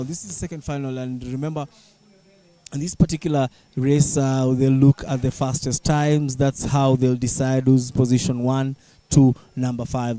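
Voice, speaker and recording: A man with a Kenyan accent hosting live sports commentary in a halting way, with many fillers. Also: medium pitch, mellow. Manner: halting, filler-heavy delivery. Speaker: sports event commentator and host.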